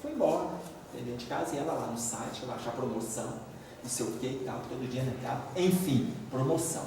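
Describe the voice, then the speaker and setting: A middle-aged man from Brazil tells a humorous personal story to a live audience, acting out his family's dialogue. His voice booms around a large echoing hall. It sounds distant from the microphone, with faint noise underneath. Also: a little fast, gravelly. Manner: lively, acts out family dialogue. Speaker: speaker at a youth conference. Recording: echoey hall, speaker far from mic.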